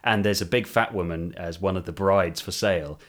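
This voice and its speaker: A man co-hosting a podcast in casual chat, laughing often and making quick asides. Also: sits low. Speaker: podcast co-host.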